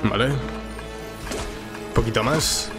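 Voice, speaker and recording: Over game music, a gaming channel host speaks very slowly in a mid-range voice, congested, nasal and sore-throated from a cold. His Let's Play commentary is informal and chatty, as if he's thinking out loud.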